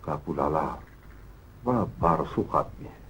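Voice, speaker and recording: An actor playing a stern father who pleads firmly and slowly with his daughter, on a muffled old TV drama soundtrack. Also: very deep voice, animated, fairly bright tone, a little hiss or hum, full character voice. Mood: pleading. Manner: pleading yet firm, slow and weighty.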